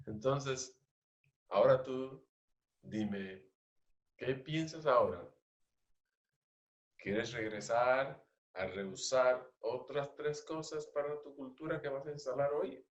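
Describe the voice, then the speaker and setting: Male agile coach, slow, questioning delivery, low voice, roomy and dull call audio. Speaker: agile trainer. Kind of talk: interactive training session.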